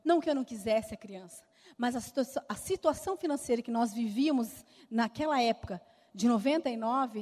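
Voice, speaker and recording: A middle-aged Brazilian woman with a high voice tells her personal testimony to a church audience. She tells it vividly and acts out the remembered conversations. Her voice carries a long reverb from a large hall. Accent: Brazilian Portuguese. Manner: lively storytelling, acting out remembered dialogue. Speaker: speaker giving a testimony.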